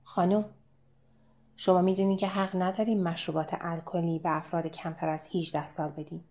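A man's voice: sits high, level tone, a little mellow. A woman voicing a small, petty bald man accusing a barmaid, in an audiobook.

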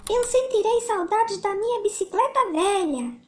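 A woman's voice: very high voice, huge pitch swings, slow pace, voice pushed up, full character voice. A Brazilian woman voicing an eager, sweet little boy bear from a storybook, childlike and sing-song. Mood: wistful.

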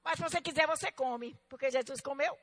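A woman teaching a fervent Bible school lesson, telling stories emphatically and moving between loud exclamations and quiet asides. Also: sits high, fairly quick. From Northeastern Brazil.

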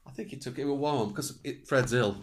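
A man co-hosting a podcast over wine, teasing and quizzing his friend in casual chat. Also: mid-range voice. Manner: teasing, quizzing, quick to laugh. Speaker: podcast co-host.

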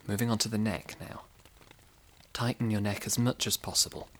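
A man guiding a relaxation exercise and narrating a sleep story in a slow, soft, soothing way. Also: on the low side, steady tone.

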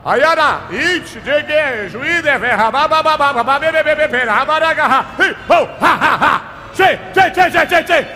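A male pastor with a Brazilian Portuguese accent, leading a deliverance prayer at a church service, moving between rapid hushed speech, shouted commands and bursts of speaking in tongues. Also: very high voice, lively intonation. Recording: reverberant hall with faint background music.

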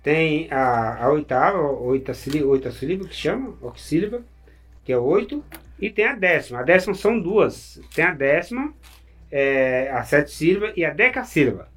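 A man explaining cordel verse forms in casual chat, patient and halting, with many restarts. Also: a little high, lively intonation.

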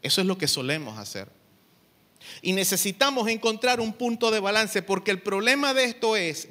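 A man delivers a Sunday sermon as pastor. His voice sits high and sounds bright and forceful. He preaches conversationally, pausing to ask whether his listeners understand. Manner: conversational preaching, often checks the congregation understands.

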